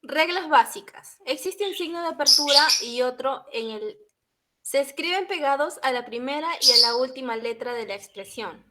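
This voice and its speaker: Young woman, from Peru, student class presentation, tense bright tone, explanatory. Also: high-pitched, lively intonation, moderate pace. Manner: explanatory, adds tag questions.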